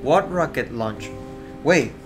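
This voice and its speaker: Man muttering slowly over loud game music. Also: mid-range voice, expressive. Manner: muttering to himself in short bursts. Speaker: gamer, let's player. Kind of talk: casual gameplay commentary, reacting aloud.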